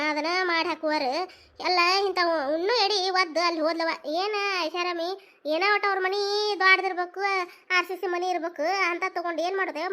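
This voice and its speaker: A woman playing a motherly village elder, high North Karnataka voice. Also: a bit bright. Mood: reproachful. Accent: North Karnataka Kannada. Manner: soothing, scolding-kind advice. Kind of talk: homemade village family drama.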